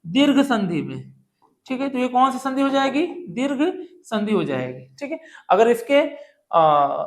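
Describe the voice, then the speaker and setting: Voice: medium pitch, big pitch swings, unhurried. A Hindi grammar teacher going through multiple-choice exam-prep questions step by step. The teacher often poses a question, answers it, and checks in with the students. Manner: explains step by step, often checking in with "ठीक है" and "दोस्तों"; asks questions then answers them.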